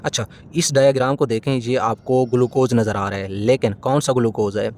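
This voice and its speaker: A man's voice: mid-range voice, fairly even intonation, normal speed, darkish tone, a little hiss or hum. Self-correcting male chemistry lecturer. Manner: poses questions and answers them himself, often corrects himself mid-sentence. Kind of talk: classroom lecture explaining a diagram.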